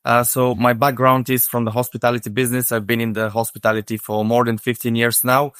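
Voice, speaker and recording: A man from Bulgaria, Bulgarian his first language, calmly answering as a podcast guest and explaining his work with many "uh" fillers. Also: mid-range voice, fast, smooth, no echo, clean studio sound. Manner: steady, methodical, many "uh" fillers. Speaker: podcast guest, hospitality consultant. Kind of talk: casual interview answer.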